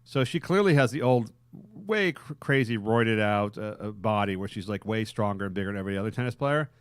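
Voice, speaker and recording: A man's voice: lowish voice, animated, brisk, clear, resonant tone, no echo. A man hosting a podcast, rambling crudely with frequent laughter. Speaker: podcast host. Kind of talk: casual crude podcast banter.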